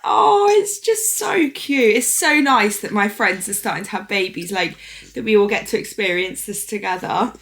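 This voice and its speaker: A woman's voice: mid-range voice, moderate pace, fairly bright tone. A young woman and mother of twins, chatting casually to camera, sore after a run, emotional and full of asides. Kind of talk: casual vlog chat to camera.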